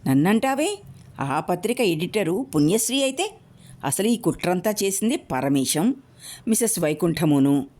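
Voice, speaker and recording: A woman's voice: lowish voice, big pitch swings, moderate pace, a little mellow. A woman voicing an outspoken young woman who accuses and scolds a man, in a storybook reading. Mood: angry.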